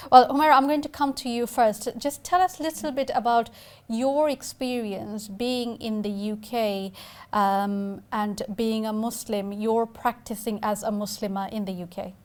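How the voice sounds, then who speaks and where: A woman's voice: a little high, steady tone, normal speed, a little mellow. A woman from Bangladesh hosting a TV discussion show, speaking hesitantly with many fillers and restarts as she talks to guests on a video call. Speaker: TV talk show host.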